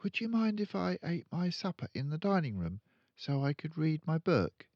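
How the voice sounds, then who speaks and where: A man's voice: a little high, big pitch swings, normal speed, dry recording, dull audio, pitched above the performer's own voice. A man voicing a principled, indignant little girl in a children's storybook, earnest and controlled. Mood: polite, firm. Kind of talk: children's storybook read aloud.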